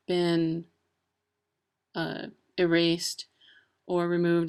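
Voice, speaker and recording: A woman's voice: on the low side, gravelly. A woman talking casually to camera about words and places, with lots of ums and uhs. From Wisconsin. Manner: chatty, many ums and uhs. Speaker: vlogger. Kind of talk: casual educational talk.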